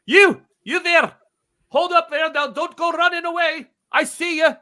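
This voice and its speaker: A man's voice: a little slow, exaggerated voice. A man voicing a suspicious, threatening cemetery watchman who barks orders at trespassers in a tabletop game. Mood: shouting. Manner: barking orders, loud and high-pitched.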